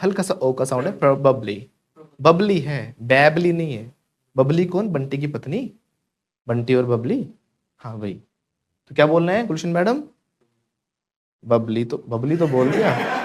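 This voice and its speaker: Slow-talking Indian man teaching pronunciation. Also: a little high. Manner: playful and joking, repeats words over and over for drilling. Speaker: spoken English teacher. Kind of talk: live spoken English class, drilling pronunciation.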